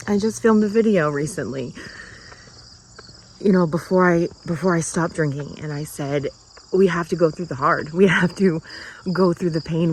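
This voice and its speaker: A woman in her forties crying as she talks earnestly in a personal vlog, her words halting and heartfelt. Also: deep voice, a little mellow, a little hiss or hum, poor audio. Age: 40s. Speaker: vlogger.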